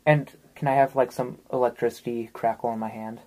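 A woman's voice: extremely low pitch, steady tone, fairly quick, warm tone, poor audio. A woman playing in a tabletop game, talking hesitantly with many ums and restarts. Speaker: player. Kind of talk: casual tabletop play.

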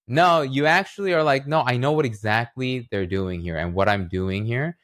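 This writer and illustrator, a guest on a podcast, reflects on ideas through analogies and keeps checking in with the listener rhetorically. His medium-pitched voice moves at normal speed and sounds a bit bright, recorded cleanly in a studio with no room sound.

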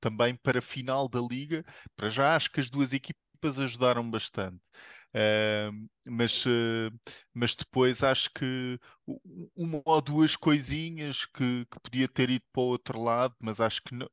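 A man's voice: mid-range voice, fairly bright tone, smooth, no echo. A man with a European Portuguese accent chatting casually, hesitant and stumbling over the starts of words. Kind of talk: casual chat.

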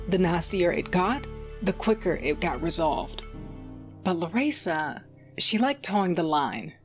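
A woman with a voice on the low side plays a tough, sardonic fighter with a cybernetic eye. Narrating in the first person, the character is blunt and profane, with dry humor.

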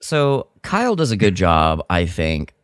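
With a low, resonant, clear voice whose pitch swoops wildly, the co-host talks a little slowly. The audio is clean studio sound with no echo. He's in a casual podcast review conversation, critical and exasperated, breaking into mock quotes.

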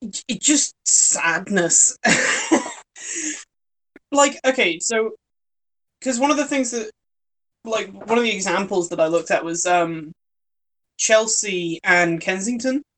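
A woman's voice: mid-range voice, takes it slowly, long pauses, a bit bright, poor audio. Giggly young British woman chatting. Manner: rambling, lots of fillers, giggly. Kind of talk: casual chat. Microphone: voice call.

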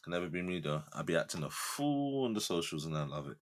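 A man's voice: deep voice, very animated, fast talker. A young man with a London accent, bantering on a casual podcast in a slangy, emphatic way. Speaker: podcast co-host.

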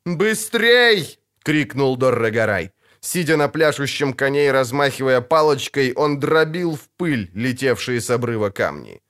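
A man narrating a dramatic fantasy audiobook in a steady, vivid storytelling voice. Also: mid-range voice, moderate pace, hardly any pauses.

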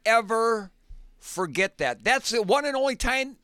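A man with a high, bright voice looks back on his own race as a podcast co-host. He speaks reflectively and keeps saying "done" to close a thought. The sound is dry and close. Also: sing-song, moderate pace, no echo. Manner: reflective storytelling, often says "done". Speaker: podcast co-host, former marathoner. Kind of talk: casual chat.

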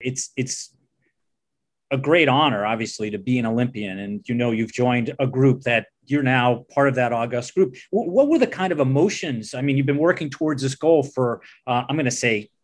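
A man's voice: mid-range voice, animated, moderate pace. A man co-hosting a sports interview, asking long, rambling questions with repeated words. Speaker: co-host.

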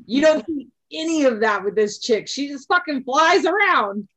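A woman co-hosting a casual podcast chat, excitable, swearing freely and laughing often. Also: high-pitched, moderate pace, poor audio. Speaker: podcast co-host.

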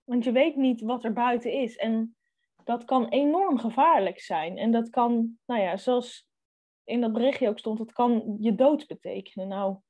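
A woman's voice: on the high side, unhurried, warm tone. A young woman co-hosting a book podcast, reading a thriller excerpt aloud and chatting casually about it, thinking aloud with hesitant fillers.

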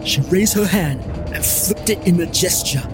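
A man's voice: high-pitched, moderate pace, music in the background. Wry man narrating in the first person. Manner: wry, joking.

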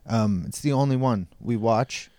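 A man's voice: medium pitch, moderate pace, warm tone, no echo, clean studio sound. A man on a podcast panel in casual chat, wry and given to laughing. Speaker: podcast host.

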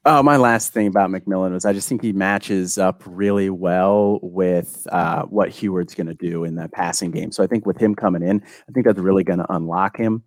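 A man's voice: low voice, moderate pace, hardly any pauses, no echo. A man giving casual football scouting analysis as a podcast guest, in a conversational way. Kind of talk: casual sports analysis chat.

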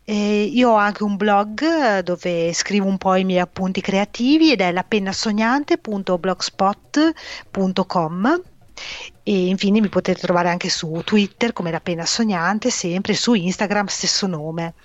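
A woman's voice: medium pitch, unhurried, no room sound, highs cut off. A woman author, a podcast guest, chatting cheerfully about where to find her. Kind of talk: podcast interview.

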